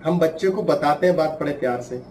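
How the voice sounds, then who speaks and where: A man teaching a class in a lively way, stretching out words and acting out little voices. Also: on the high side, roomy sound, distant mic, noisy background. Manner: animated, acts out voices and drawn-out words. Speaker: spiritual teacher. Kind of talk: talk to a class. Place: class room.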